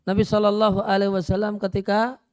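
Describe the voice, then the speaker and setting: A man preaching a religious study lecture in a conversational way, repeating phrases, dropping in Arabic, and often pausing on "ya". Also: sits high, flat delivery, clear, resonant tone, no echo, studio quality. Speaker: Islamic preacher.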